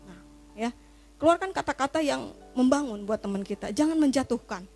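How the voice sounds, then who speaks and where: A woman giving a youth church sermon in a chatty, slangy, animated way, telling stories and acting out what people said. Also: high voice, normal speed, gravelly, faint music behind. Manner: chatty and animated, slangy, acts out quoted talk. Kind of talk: casual sermon with told stories.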